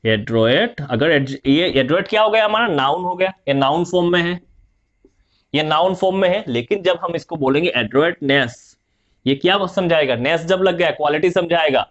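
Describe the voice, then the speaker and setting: A man gives a vocabulary lesson, repeating each word and spelling it out slowly, then asking questions and answering them himself. His voice sits a little high, and the recording sounds muffled and lo-fi. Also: lively intonation, fairly bright tone. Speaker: vocabulary teacher. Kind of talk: Hindi vocabulary lesson, explaining word roots.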